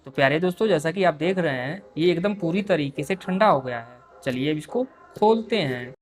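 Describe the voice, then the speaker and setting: A repair video host with a fairly high, expressive voice talks fairly quickly as he works, patiently explaining each step and often calling his viewers dear friends.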